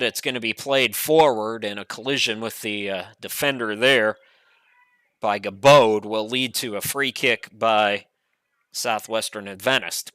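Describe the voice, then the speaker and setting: Male play-by-play commentator, middle-aged, bright tone, close and dry, chatty remote caller. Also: medium pitch, no echo. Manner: relaxed, chatty, frequent "uh" fillers. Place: home studio.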